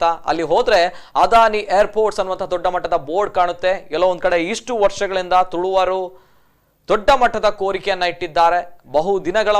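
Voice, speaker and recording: A male news reporter with a high, clear voice. He talks in a formal broadcast manner and keeps coming back to the same set phrases. The tone is resonant and crisp. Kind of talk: news report and phone interview.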